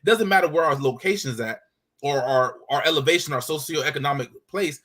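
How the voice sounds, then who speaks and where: This caller, an American man in a casual call-in discussion, pushes his case amid many hesitations and false starts. His voice runs on the high side, a bit bright, and a little fast.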